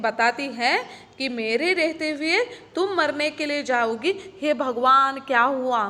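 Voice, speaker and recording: A woman's voice: sits high, a bit bright, in a large hall. A woman teacher, telling children a story and asking them questions. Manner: explains and asks the children questions.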